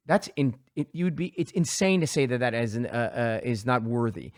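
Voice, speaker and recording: A man's voice: medium pitch, animated, moderate pace, dry recording. A man in his forties hosts a podcast in a direct, earnest way, often restarting his sentences. His voice is recorded dry and close on a studio mic. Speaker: podcast host, surgeon. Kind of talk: casual interview chat. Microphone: handheld studio mic.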